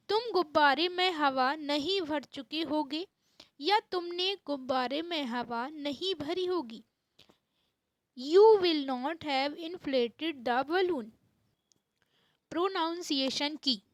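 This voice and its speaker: A woman teaching an English grammar lesson, reading each English sentence slowly and repeating it. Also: sits high, fairly bright tone, dry recording, low-quality recording.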